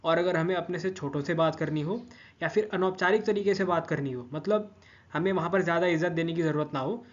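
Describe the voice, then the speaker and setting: Guy explaining grammar slowly, keeps saying "ok?", kinda highish voice, dull lo-fi audio. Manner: patient, repeats each form, checks in with frequent "theek". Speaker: language teacher.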